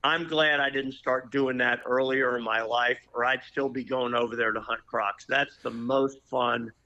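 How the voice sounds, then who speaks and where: A man's voice: medium pitch, steady tone, moderate pace, sharp tone, muffled recording. An older man as a podcast guest, telling hunting stories with hearty enthusiasm. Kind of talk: casual interview chat.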